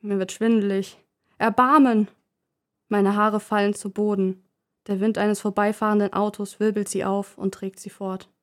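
A woman narrating a first-person story in a calm, measured reading voice. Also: mid-range voice.

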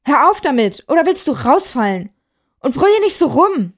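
A woman's voice: a little high, sing-song, normal speed. A woman voicing a grumpy, impatient old Santa Claus who barks orders and scolds. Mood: scolding. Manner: gruff and bossy, barking orders.

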